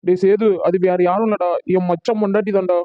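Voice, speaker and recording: A man's voice: sits high, level tone, fast talker, phone-quality sound. A man voicing a self-pitying, scheming middle-aged village man in a cartoon. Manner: whining, scheming. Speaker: cartoon voice artist. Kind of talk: Tamil cartoon voice acting.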